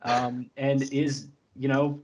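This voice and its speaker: Male co-host, hedging, filler-heavy, relaxed draft talk. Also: medium pitch, takes it slowly, husky. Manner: rambling, hedging, many fillers. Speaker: co-host analyst. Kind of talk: casual sports talk.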